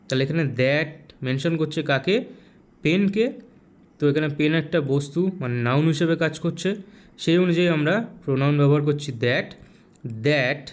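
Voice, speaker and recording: A male teacher with a West Bengal Bengali accent giving a recorded grammar lesson. His voice sits a little high, and he keeps asking rhetorical questions, then repeats each key term slowly.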